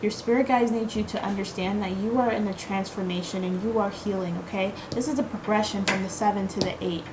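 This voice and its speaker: A woman speaks fairly quickly with few pauses as she casually reads tarot cards for her viewers, her medium-pitched voice steady in tone amid heavy background noise. She is a native English speaker whose chatty, reassuring talk is full of fillers and repeated "okay?" checks.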